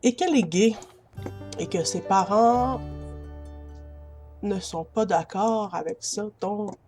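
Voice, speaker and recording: Faint music plays behind a woman with a Quebec French accent who comments casually on a video game in a slow, medium-pitched, slightly mellow voice. Speaking into a built-in computer mic, she laughs easily and chats with viewers as friends.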